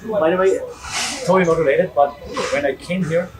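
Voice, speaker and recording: A man's voice: on the high side, steady tone, brisk, far from the mic, over music, low-quality recording. A man with a German accent hosting a podcast, chatting in a rambling way with frequent restarts and laughs. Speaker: podcast host. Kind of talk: casual interview chat.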